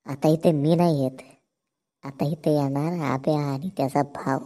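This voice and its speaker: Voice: mid-range voice, fairly even intonation, measured pace, dark tone, close to an everyday voice. A voice actor playing a cocky jailed village thug in a cartoon, smug and mocking. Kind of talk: cartoon dialogue.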